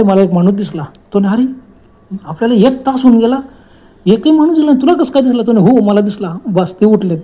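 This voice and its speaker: A man's voice: sits high, warm tone. A man telling a horror story in a casual, conversational way, repeating phrases and acting out the characters' exclamations.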